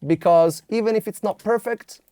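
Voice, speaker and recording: A man's voice: high-pitched, normal speed, noisy background. A man explaining step by step as a music producer in a studio tutorial, sometimes mouthing drum rhythms aloud. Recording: drum machine and synths playing under voice.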